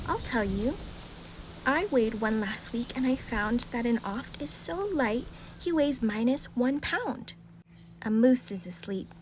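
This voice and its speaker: A woman reads a rhyming children's bedtime story aloud in a calm, gentle, expressive storytelling way. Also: fairly high pitch, a little hiss or hum.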